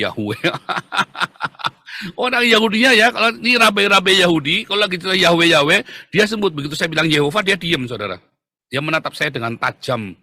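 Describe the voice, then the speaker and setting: A middle-aged male pastor answering a question in an animated, emphatic way, repeatedly addressing his listeners directly. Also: fairly high pitch, no echo, studio quality. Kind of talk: preaching Q&A answer.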